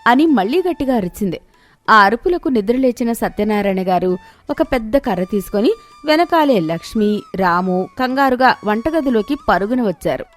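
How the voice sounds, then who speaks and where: Higher-pitched woman narrating a story. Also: lively intonation, moderate pace, faint music behind.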